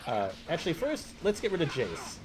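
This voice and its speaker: A man's voice: on the high side, huge pitch swings, fairly quick, background noise. A man giving casual, rambling commentary as he streams a game. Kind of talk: casual live gameplay commentary.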